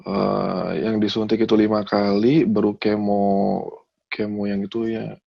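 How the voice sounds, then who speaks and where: Brief: low gravelly man, halting guest, dull lo-fi sound. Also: flat delivery. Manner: hesitant, halting recall. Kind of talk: casual conversation.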